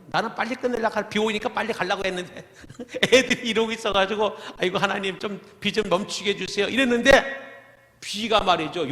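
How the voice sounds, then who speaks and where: High, bright-voiced man preaching in an echoey hall. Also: vocal fry. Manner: animated storytelling, exclamatory asides. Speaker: pastor. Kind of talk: testimony sermon.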